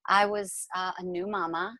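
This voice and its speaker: A woman's voice: on the low side, steady tone, normal speed, sharp tone, dry recording, low-quality recording. A woman in her forties, a musical theatre actress, chatting casually over a video call and rambling with lots of fillers. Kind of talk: casual Q&A chat.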